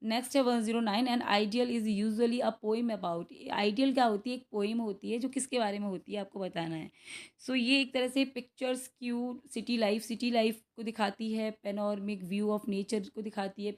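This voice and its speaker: Indian lady teacher going thru practice questions, hindi and english mixed, reads questions out slow, keeps saying okay?. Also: on the high side, darkish tone. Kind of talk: exam-prep lesson going through practice questions.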